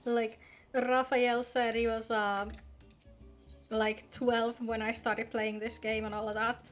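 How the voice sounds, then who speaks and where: Her fairly high voice comes out flat and slow as she chats on a live game stream, music playing behind her. She mixes casual talk with reading game dialogue aloud.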